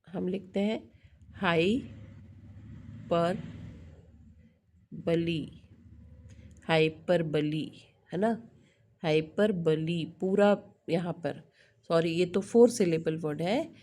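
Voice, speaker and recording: A woman's voice: fairly low pitch, warm tone. A middle-aged woman teaching an English lesson in Hindi mixed with English, often checking in with the listener and correcting herself.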